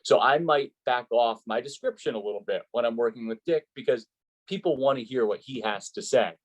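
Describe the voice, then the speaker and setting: A sports play-by-play announcer speaks conversationally in an interview, explaining his advice earnestly and emphatically. His medium-pitched voice moves briskly, heard on a rough recording.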